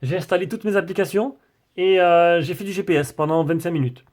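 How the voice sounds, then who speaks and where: Guy reviewing a gadget at his desk, kinda high voice, lots of euh and restarts. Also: brisk, darkish tone. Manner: chatty, rambling with many fillers and restarts. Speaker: tech reviewer. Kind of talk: casual product review.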